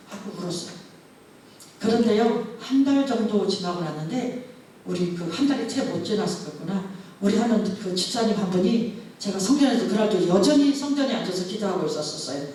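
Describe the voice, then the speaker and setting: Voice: medium pitch, darkish tone, slight background noise. A pastor preaching a sermon through a story, acting out the dialogue as it goes. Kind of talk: testimony sermon. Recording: very echoey church hall, mic far off.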